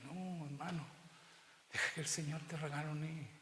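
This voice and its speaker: A man's voice: fairly high pitch, steady tone, normal speed, pushed and bright. A middle-aged man with a Chilean accent preaching a sermon as pastor, often asking the congregation rhetorical questions. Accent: Chilean Spanish. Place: church. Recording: roomy church hall reverb.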